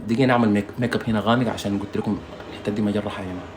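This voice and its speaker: Fast-talking Sudanese man ranting. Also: lowish voice, fairly even intonation, roomy sound, a little hiss or hum. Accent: Sudanese Arabic. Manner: rambling, mocking, insulting, with frequent "you understand?". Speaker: singer vlogging while doing makeup. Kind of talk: casual ranting monologue to viewers.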